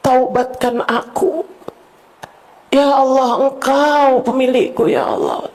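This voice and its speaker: A woman's voice: sits high, big pitch swings, slow pace, a little mellow. A middle-aged woman preacher giving a sermon to a women's gathering, casual and colloquial, mixing in Arabic quotations and rising into emotional, pleading prayers.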